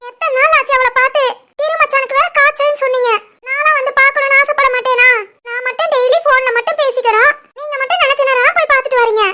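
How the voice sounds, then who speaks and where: A woman voicing a sulky, stubborn schoolgirl daughter in an animated family story, with a southern Tamil Nadu accent and a whiny, pleading way of talking. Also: very high-pitched, fast, slight background noise.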